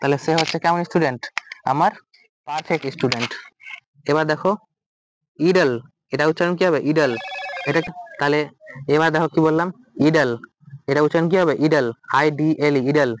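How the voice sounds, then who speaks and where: A man's voice: fairly high pitch, fairly even intonation, fairly quick, pauses often, noisy background. A man with a Bengali accent teaching an exam-prep vocabulary lesson, asking questions and answering them himself. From West Bengal, India.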